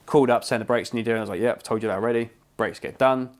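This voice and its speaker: A man's voice: medium pitch, quick pace. Chatty English man telling a story. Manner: animated, swears freely, quotes people in his story. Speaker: podcast co-host. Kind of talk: casual storytelling chat.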